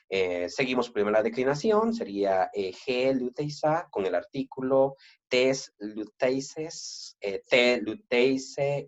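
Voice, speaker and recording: In a dull, lo-fi recording, a man with a Central American Spanish accent teaches Greek grammar during an online lesson. His mid-range voice is patient and halting, with plenty of fillers and self-corrections.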